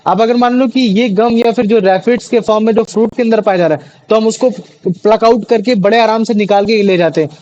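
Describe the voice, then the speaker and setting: High-voiced man teaching a class. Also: brisk, a little mellow, muffled recording. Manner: chatty, repeats questions to students, many fillers. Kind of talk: classroom biology lesson.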